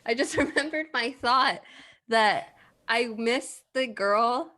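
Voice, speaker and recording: A young woman with a bright, sharp-edged voice co-hosts a casual podcast. She talks bluntly and swears freely, and her voice comes through a video call. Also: a little high, slow. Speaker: podcast co-host. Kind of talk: casual chat.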